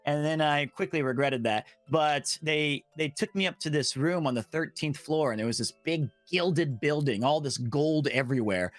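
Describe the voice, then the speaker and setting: A man and voice actor telling a strange work story in casual chat, animated and acting out the voices he quotes. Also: on the high side, moderate pace, hardly any pauses, no room sound, faint music behind.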